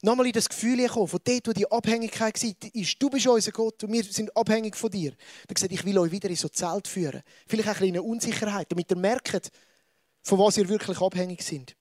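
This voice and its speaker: Lively Swiss preacher, high-voiced man. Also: fast talker, no room sound, clean studio sound. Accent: Swiss German. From Switzerland. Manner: lively, conversational preaching with asides to the audience. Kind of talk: sermon.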